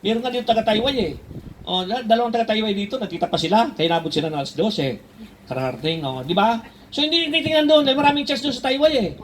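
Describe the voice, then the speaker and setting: High-voiced man preaching a lively sermon. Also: quick pace, slight background noise, low-quality recording. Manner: lively, asks the church "di ba?" often, switches to English for Bible verses. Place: church service in a hall.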